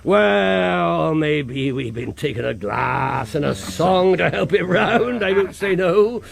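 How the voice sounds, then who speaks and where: In a radio drama, an actor voices a wily middle-aged pirate captain using a theatrical seafaring dialect, shifting from wheedling joviality to commanding menace. His full character voice is male, fairly high-pitched, animated and slow, with vocal fry and a clear relish for storytelling.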